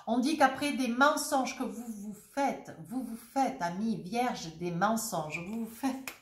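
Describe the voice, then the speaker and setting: A woman's voice: on the high side, takes it slowly, echoey room. A woman with a head cold giving a casual, jovial tarot reading to her viewers, chatty and full of little filler tags. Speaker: tarot reader.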